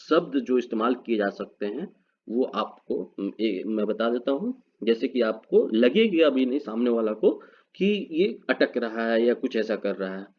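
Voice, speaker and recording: Man quizzing viewers in a lively lesson. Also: mid-range voice. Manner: quizzes the viewer, then answers himself; spells words out letter by letter. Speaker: English teacher. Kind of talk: spoken English lesson. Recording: dull lo-fi recording.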